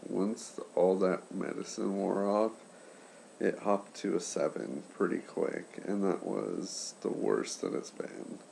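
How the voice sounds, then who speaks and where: Guy late 20s, super creaky voice, stuffed up, talking quiet and slow in a casual vlog. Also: low-pitched, a little hiss or hum, low-quality recording. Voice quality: congested, impaired articulation after throat and nose surgery. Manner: subdued, keeping voice down for a sleeper; halting, trailing pauses. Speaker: patient sharing surgery recovery.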